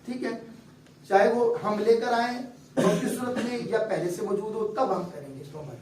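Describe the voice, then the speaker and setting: A man's voice: high voice, darkish tone. A male recitation teacher giving a patient classroom lecture, explaining step by step and checking often that his students follow. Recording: echoey room, distant mic, faint background hum.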